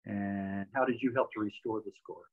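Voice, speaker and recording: A man's voice: on the low side, fairly even intonation, moderate pace. Man interviewing over a tinny call line. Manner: friendly, hesitant questions with repeated words. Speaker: interviewer host. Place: home room with record shelves. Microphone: video call webcam mic. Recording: tinny phone-like video call audio.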